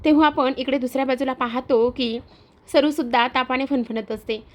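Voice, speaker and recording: A woman narrating an episode of a TV serial in a steady storytelling manner. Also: high voice, fairly quick, lo-fi sound.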